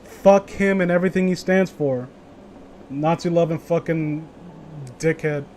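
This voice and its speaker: This streamer, who hosts a group story reading, has a fairly high, somewhat dark voice and speaks a little slowly over a faint hiss or hum. His casual chat wanders, is full of opinions, and is packed with profanity.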